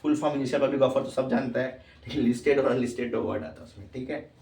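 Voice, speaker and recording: A man's voice: medium pitch, quick pace, vocal fry, dark tone. Echoey man teaching a class. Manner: repeats questions to students, calls them "babu". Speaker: tax teacher. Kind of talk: classroom lecture. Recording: echoey room, far from mic.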